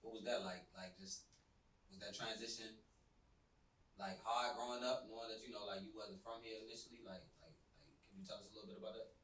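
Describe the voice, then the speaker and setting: A man's voice: lowish voice, steady tone, fast talker, fairly bright tone, distant mic. A man interviewing a guest, asking rambling questions full of fillers. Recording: echoey room, off-mic.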